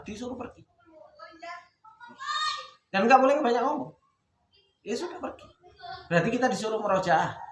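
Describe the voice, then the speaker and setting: A young man teaches in a relaxed, storytelling way, often asking questions and answering them himself. His voice carries a noticeable echo from the room. Steady background noise sits under his speech. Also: high voice. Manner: storytelling with rhetorical questions, Javanese words mixed in. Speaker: religious teacher. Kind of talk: informal religious talk.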